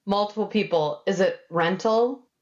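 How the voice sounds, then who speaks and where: A woman's voice: medium pitch, normal speed. A woman in her thirties, a company executive guest chatting casually over a video call. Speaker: guest, software company CEO. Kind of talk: casual chat. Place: home room with bookshelves. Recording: slightly dull, roomy video call.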